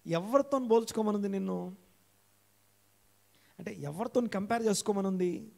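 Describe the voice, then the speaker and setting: A male pastor preaching an interactive sermon in a church, repeating key phrases, quizzing his listeners and slowing down to read scripture aloud. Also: creaky, dark tone. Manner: slows and rises in pitch when reading scripture aloud. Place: church hall.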